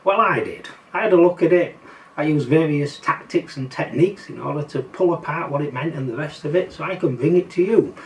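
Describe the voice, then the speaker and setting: A man's voice: on the high side, a little fast. An older man with a Yorkshire accent talking casually to his viewers in a wry, skeptical way. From Yorkshire, England. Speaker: political commentary vlogger. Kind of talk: casual monologue to camera. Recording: slightly distant mic, faint background noise.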